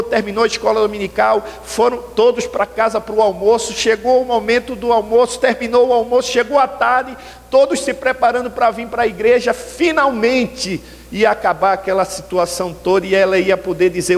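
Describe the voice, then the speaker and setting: High-voiced Brazilian preacher in a reverberant church. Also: male voice, moderate pace, gravelly. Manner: lively storytelling, often addresses the listeners as brethren. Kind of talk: storytelling sermon. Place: church sanctuary.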